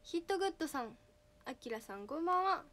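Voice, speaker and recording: Fast-talking and animated, this teenage idol has a high, slightly nasal voice. During a casual livestream chat she reads viewers' names out loud and greets them cheerfully.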